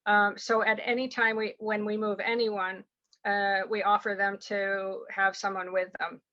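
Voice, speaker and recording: A woman from a surrogacy agency who explains things quickly over a video call, rambling with many fillers and restarts. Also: mid-range voice, level tone, bright, forceful tone, dull audio. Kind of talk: online information session, explaining and answering questions.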